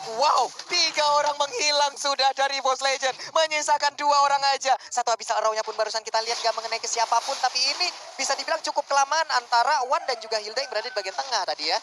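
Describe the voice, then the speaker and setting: A man with an Indonesian accent giving animated esports match commentary and analysis, with exclamations and joking exaggeration. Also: very high voice, very fast, few pauses, noisy background. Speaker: esports co-caster.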